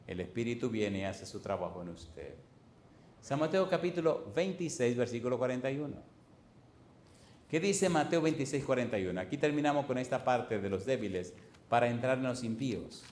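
A man's voice: medium pitch, reverberant, a little hiss or hum. An older man preaching a sermon, emphatic and repetitive, putting questions to the congregation.

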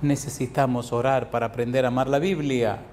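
A man preaching as a pastor, repeating phrases and asking the congregation rhetorical questions, swinging from soft slow passages to loud high emphasis. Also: steady tone, a little hiss or hum. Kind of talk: sermon.

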